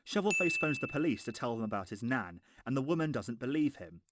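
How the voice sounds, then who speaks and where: A man's voice: medium pitch, very animated, fairly quick, over loud music. A man narrating a scripted film review in a mocking, exasperated, sweary way.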